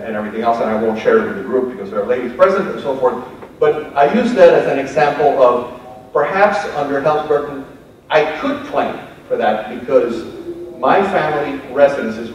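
A man's voice: medium pitch, a little hiss or hum. An older man, a lawyer giving a conference panel talk with wry, anecdotal humor. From Cuba. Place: conference hall. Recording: echoey hall, distant dull mic.

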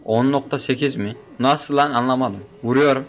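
An excitable young man commentates his way through a shooter game in a casual, joking manner, talking back to the characters and shouting when things get tense. His voice sits at an everyday middle pitch. Faint game sounds play behind him. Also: normal speed, highs cut off, a little hiss or hum. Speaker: gameplay commentator.

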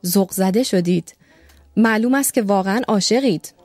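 A woman reading an audiobook, voicing a calm, measured male doctor in her own dry voice. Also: mid-range voice, no echo, faint music behind, close to an everyday voice.

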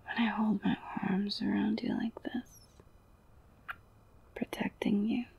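A young woman whispering an intimate ASMR roleplay, slow and soothing, softly domineering and coaxing. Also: mid-range voice, flat delivery, gravelly, husky, dull audio. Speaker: audio roleplay performer.

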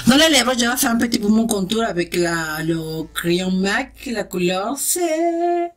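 A woman's voice: mid-range voice, normal speed, fairly bright tone, a little hiss or hum. A woman with a Spanish accent, a beauty vlogger chatting playfully through a makeup tutorial with cheerful exclamations.

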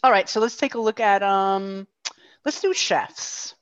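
A middle-aged woman co-hosts a casual chat from a room at home, speaking into a headset on a video call. Her medium-pitched voice moves at a measured pace, friendly and chatty with plenty of fillers. The call audio sounds dull and dry, with no echo.

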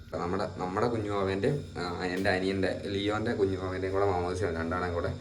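A man's voice: low-pitched, flat delivery, quick pace, slight background noise. A man who is a family vlogger, chatting casually to camera and speaking directly to his viewers from a family home. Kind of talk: casual vlog chat to camera.

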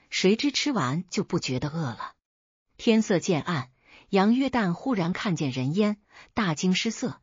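A woman narrating a folk tale in a measured storytelling read, voicing the characters' lines herself. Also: lowish voice, husky, no echo. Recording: dull lo-fi dry recording.

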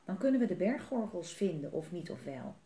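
A woman's voice: lowish voice, big pitch swings, brisk, dark tone, roomy sound. A woman reading aloud, voicing a small, brave, boastful male gorgel creature who talks about himself by name. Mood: explaining.

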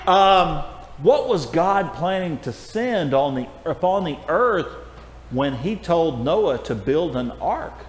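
An older man with a rather high voice, wide pitch swings, and a slow pace teaches a children's Bible class, coaxing the kids warmly and calling them by name. He's filmed by a distant camera in a church auditorium, so the sound is echoey with faint noise.

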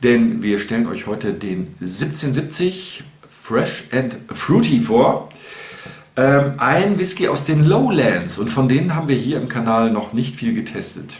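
A man's voice: mid-range voice, lively intonation, unhurried. Chatty man in his sixties, roomy sound. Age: 60s. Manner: chatty, rambling with many restarts and fillers. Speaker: whisky review host. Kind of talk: casual chat. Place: home room with shelves.

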